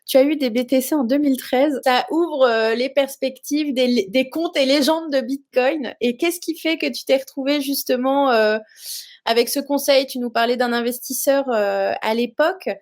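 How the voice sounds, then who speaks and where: A woman hosts an interview in a high, light voice. Her questions are long and winding, chaining one into the next in a casual, chatty manner. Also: fairly even intonation, normal speed. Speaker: interview host.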